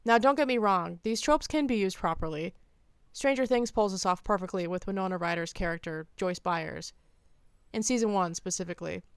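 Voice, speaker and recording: Reading a script of opinion commentary, this woman video essayist stays deadpan and leans hard on her key phrases. The voice is clean, smooth and mid-pitched for a woman, and the recording is very dry, free of any room sound.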